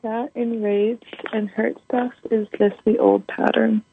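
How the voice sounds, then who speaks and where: A woman's voice: fairly high pitch, little pitch movement, slow, vocal fry, breathy edge, no echo. A woman calling in to a show, earnestly repeating affirmations after the host over the phone. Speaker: caller. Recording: tinny phone line.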